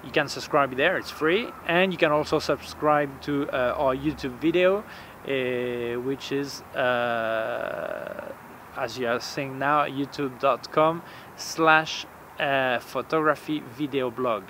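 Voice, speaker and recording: A man in his forties, not a native English speaker, reviews cameras in a casual vlog from a bench in an outdoor city plaza. His mid-range voice is slow and sharp, and he hesitates a lot, with many fillers and repeated words. Faint street noise sits in the background.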